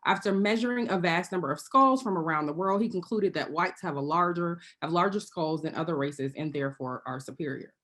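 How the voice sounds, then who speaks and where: A woman's voice: fairly low pitch, a little fast, few pauses, a bit bright. Earnest woman panelist on a video call. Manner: earnest, pointed, with wry asides. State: occasionally choking and clearing throat. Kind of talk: prepared remarks on a video panel.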